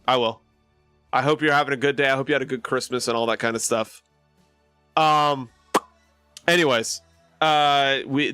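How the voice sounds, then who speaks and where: Bright-voiced rambling male streamer. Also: medium pitch, dry recording. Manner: rambling and warm-hearted, lots of fillers and restarts. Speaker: live streamer. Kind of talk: casual chat with viewers.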